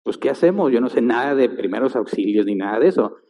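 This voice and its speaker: A man's voice: mid-range voice, animated, fast talker. A male pastor, telling a story in a sermon and acting out the sounds and voices in it. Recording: tinny sound in a reverberant church hall.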